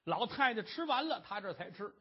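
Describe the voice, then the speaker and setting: A man's voice: high voice, big pitch swings, brisk, slightly rough. A man performing a traditional story with dramatic narration, in a dull lo-fi recording.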